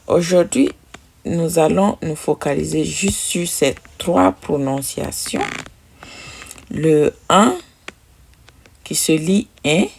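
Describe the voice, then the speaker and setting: Slow, gravelly-voiced woman teaching pronunciation. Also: low voice, a little mellow, a little hiss or hum. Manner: slow, patient, repeating sounds for drilling. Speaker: English teacher. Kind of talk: pronunciation lesson.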